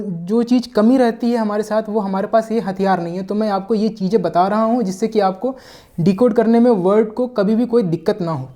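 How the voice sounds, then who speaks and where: A man's voice: high voice, mellow. A male teacher explaining an English vocabulary lesson step by step. He often checks in with his listeners, mixes English words into his sentences, and sometimes corrects himself mid-word.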